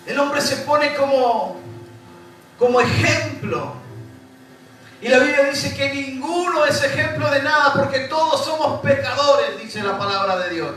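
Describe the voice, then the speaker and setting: High-voiced Rioplatense preacher in an echoey hall. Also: male voice, unhurried, pushed and bright. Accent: Rioplatense Spanish. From Uruguay. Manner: preaching with repetition and rising emphasis, addressing the congregation directly. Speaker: pastor. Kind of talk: sermon. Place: church hall. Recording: echoey church hall from far off, music behind.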